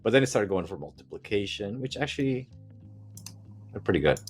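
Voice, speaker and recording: Jokey, chatty dad with a lively voice. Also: male voice, fairly low pitch, soft background music. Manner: jokey and chatty, quick asides. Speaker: parent and video host. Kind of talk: casual tutorial vlog.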